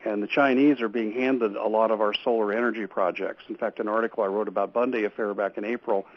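A man's voice: on the low side, steady tone, fast, a little hiss or hum. A man speaking as a guest on a radio show, earnestly laying out urgent warnings and often restarting his sentences. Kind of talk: call-in radio interview. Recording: dull lo-fi radio audio.

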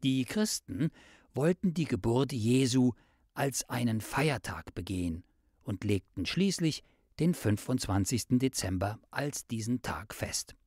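A man narrating a scripted explanation for children, deliberately and with dramatic pauses. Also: medium pitch, animated, darkish tone, dry recording, clean studio sound.

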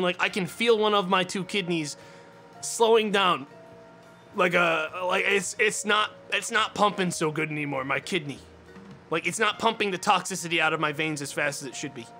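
Bright-voiced young man ranting at chat. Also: on the high side. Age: 20s. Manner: ranting, mock-indignant, swearing. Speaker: streamer. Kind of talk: casual chat with viewers. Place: small dim room indoors.

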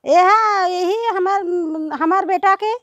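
A woman's voice: very high voice, slow pace, a bit bright, dry recording, muffled recording. A woman with a Chhattisgarhi accent chatting casually and affectionately to her followers, often repeating herself. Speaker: vlogger.

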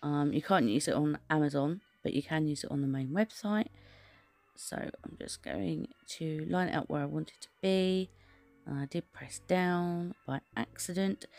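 Low, gravelly woman narrating a nail tutorial. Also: moderate pace, darkish tone, faint music behind. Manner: chatty, rambling, many fillers and restarts. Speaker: nail art creator. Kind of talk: casual tutorial voice-over.

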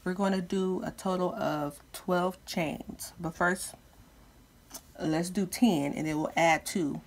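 Woman, lowish pitch, unhurried pace, slight lisp from retainers, casual craft tutorial host, informal. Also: steady tone. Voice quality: slightly lisped speech from wearing dental retainers. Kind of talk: casual step-by-step craft instruction.

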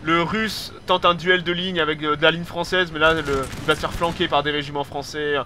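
An excitable man commentating a game replay at a rapid clip. His voice sits high and bright, and he swears casually as he goes. He stumbles and restarts his phrases often. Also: a little hiss or hum. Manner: excitable, swears casually, peppers speech with "hein"; hesitant restarts and repeated words.

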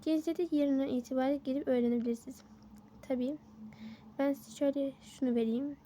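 A woman voicing a polite, businesslike doctor, speaking quietly and formally in a toy-game story role-play. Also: sits high, steady tone, brisk, slight background noise, close to an everyday voice.

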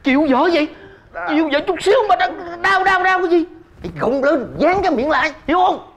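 Một nữ diễn viên đóng bà nội hay la, giọng lên xuống. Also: female voice, medium pitch, animated, normal speed, close to an everyday voice. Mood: scolding. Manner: bossy, scolding, swings up into shrieks. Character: bossy scolding grandmother. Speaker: grandmother in a comedy sketch. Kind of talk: comedy sketch acting.

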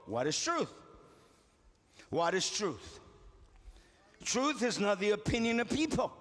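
This Spanish-speaking-born, middle-aged pastor has a high voice with a fairly bright tone as he delivers an impassioned sermon full of call-and-response in a big church auditorium. The recording carries live hall reverb, congregation sounds, and faint music.

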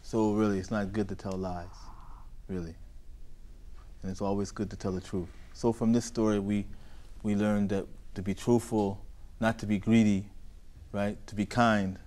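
Man, american accent, lowish voice, teacher, storytelling lesson for kids, keeps asking questions. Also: level tone, moderate pace, a little mellow. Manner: questioning, call-and-response with children.

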